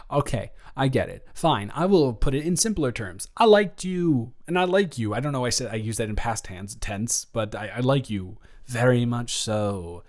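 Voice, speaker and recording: This young man, acting as a nervous, affectionate college student in an improvised intimate audio roleplay, speaks at medium pitch with a somewhat dark tone close to his everyday voice. Nervous yet earnest, he stammers, restarts, and rambles haltingly.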